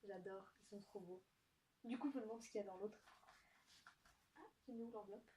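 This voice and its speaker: A young woman chatting casually to camera as she opens gifts, soft-spoken and giggly, thinking aloud. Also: mid-range voice, fairly quick. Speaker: vlogger opening gifts. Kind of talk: casual unboxing chat to camera. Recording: distant mic with faint noise.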